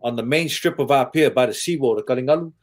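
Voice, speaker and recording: A man's voice: mid-range voice, quick pace. A man from Samoa hosting a casual chat, telling rowdy stories loosely with swearing and laughter and reading out comments. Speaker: podcast host reading live-stream comments.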